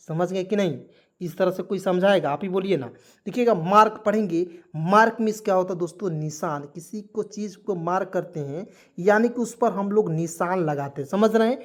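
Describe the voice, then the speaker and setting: A man with a high voice teaches English spelling in an online lesson, asking his listeners rhetorical questions and checking that they are following along.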